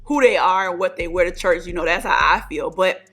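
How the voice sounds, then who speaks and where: Chatty woman with a bright voice. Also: fairly low pitch, fairly quick, slightly rough, faint music behind. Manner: chatty, animated storyteller, addresses viewers as y'all and honey. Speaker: beauty vlogger. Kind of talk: casual storytime while doing makeup.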